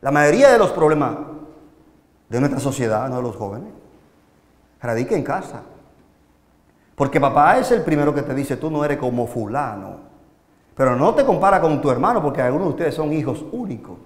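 Animated man preaching in a hall. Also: mid-range voice, normal speed, long pauses. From Dominican Republic. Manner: animated, rhetorical questions, swings loud and soft. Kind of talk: live sermon to young people. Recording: echoey hall, long reverb.

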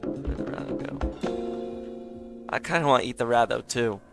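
Faint music plays behind this gaming YouTuber as he talks through his gameplay in a relaxed, chatty way. Sickness has left his medium-pitched voice raspy and hoarse, and his normal-paced talk is full of laughter and abrupt bursts of excitement.

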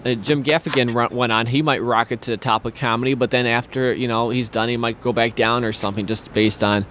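A man's voice: medium pitch, steady tone, a little fast, fairly bright tone, a little hiss or hum. A young man hosting a casual talk stream from a small home studio on a headset and studio mic, rambling with many restarts as he reads viewer comments. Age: young adult. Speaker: host of a streaming talk show. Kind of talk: casual video-call chat. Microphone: studio mic with headphones.

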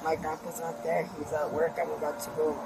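A woman's voice: low-pitched, monotone, fairly quick, vocal fry. Upset woman, distant on bodycam. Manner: upset, quiet, rambling. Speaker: resident talking to police. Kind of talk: bodycam conversation. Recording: bodycam audio from a distance, loud background noise.

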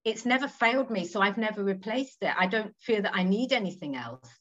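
Over slightly dull video-call audio, a textile artist from England in her 40s talks as an interview guest in a green-walled room at home. She is brisk, with a mid-range voice and lively intonation, and her chatty, thoughtful style features trailing asides and tag questions.

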